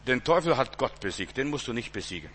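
A middle-aged male preacher delivering a sermon with a bright, forceful tone. He speaks emphatically, swinging between loud declarations and soft asides, at a medium pitch. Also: sing-song, fast talker, a little hiss or hum.

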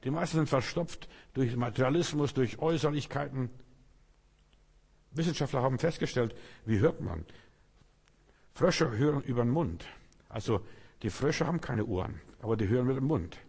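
A man with a husky, somewhat breathy voice delivers a sermon, building his points in short repeated phrases aimed straight at the listener. His voice rings out with a long reverb, as in a large hall. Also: mid-range voice, animated, normal speed, long pauses, a little mellow. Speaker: preacher.

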